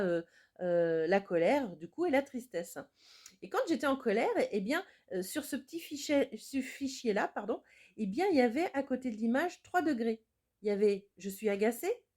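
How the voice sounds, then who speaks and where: A woman with a somewhat high, mellow voice talks straight to her viewers in an improvised monologue. She is an energy healer and a mother, and she speaks in an earnest, reflective way. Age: adult with children.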